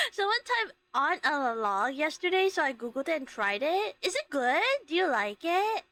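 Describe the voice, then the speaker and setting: A woman hosting a livestream, chatting casually with viewers in a giggly, expressive, rambling way. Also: high-pitched, normal speed, dry recording. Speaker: livestream host, VTuber streamer. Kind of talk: casual chat with live viewers.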